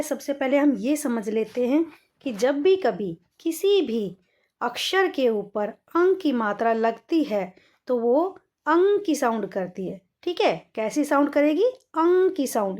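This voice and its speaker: A woman teaching young children to read, patiently sounding out each word and saying it twice. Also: high voice. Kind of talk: children's Hindi reading lesson.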